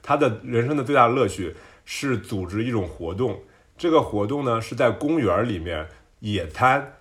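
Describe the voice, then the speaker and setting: A man from China, a podcast guest, telling stories in a lively casual chat, laughing often and dropping in English words. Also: mid-range voice, normal speed.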